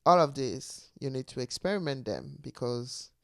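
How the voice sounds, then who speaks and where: A man's voice: mid-range voice, lively intonation, normal speed, creaky, no room sound, clean studio sound. A man hosting his own show, talking through ideas in a casual, reflective monologue with a foreign accent, often breaking into laughter. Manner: speaks with a non-native accent. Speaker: podcast host.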